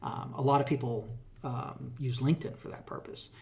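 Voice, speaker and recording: A middle-aged man with a Boston accent, a tech hiring manager, giving advice in a relaxed, casual interview with plenty of fillers and restarts. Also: mid-range voice, normal speed, vocal fry, a little hiss or hum.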